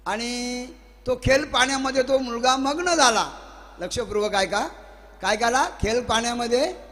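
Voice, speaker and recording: A man preaching a devotional sermon to a live audience. He tells stories, asks the listeners questions and chants verses slowly. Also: very high-pitched, a bit bright. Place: gathering hall with a live audience. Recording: long reverb of a hall.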